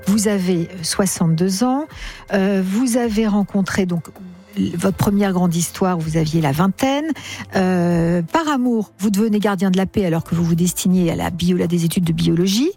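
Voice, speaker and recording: A woman hosting a late-night call-in radio show, gently probing and summing up a caller's story. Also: fairly low pitch, normal speed, soft background music. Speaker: radio host.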